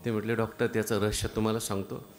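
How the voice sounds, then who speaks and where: A man with a Marathi accent preaching a devotional kirtan sermon, telling stories and breaking into loud sung verses. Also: fairly low pitch, flat delivery, very fast, soft background music. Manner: rises into loud sung chants, storytelling with dialogue.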